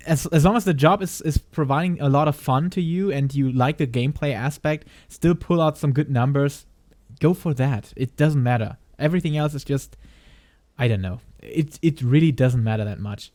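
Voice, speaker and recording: A fairly high-voiced man streams live, reacting to a video. He hesitates, restarts his sentences and laughs often, and his voice sounds dry and close, with no room in it. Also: moderate pace, a little mellow, no room sound.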